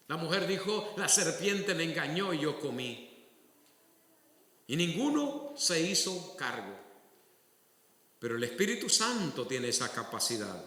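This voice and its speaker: A man pastor preaches a sermon in a bright, sharp voice, slow and deliberate. His delivery jumps between loud exclamations and low asides. The sound rings with long church-hall reverb. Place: church sanctuary.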